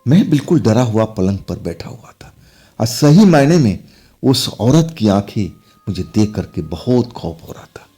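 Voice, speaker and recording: A man's voice: fairly low pitch, big pitch swings, unhurried, mellow, husky. A man telling a first-person horror story in a dramatic, suspenseful way. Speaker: narrator. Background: faint music.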